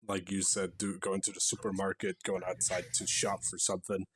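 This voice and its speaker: A man's voice: low-pitched, monotone, brisk, a bit bright, slight background noise. A man co-hosting a podcast in casual chat, blunt and swearing freely. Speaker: podcast co-host.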